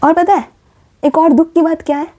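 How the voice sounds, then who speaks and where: A woman's voice: very high-pitched, steady tone, moderate pace, background noise. A woman hosting a commentary vlog, speaking with passion and asking pointed rhetorical questions. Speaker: vlogger.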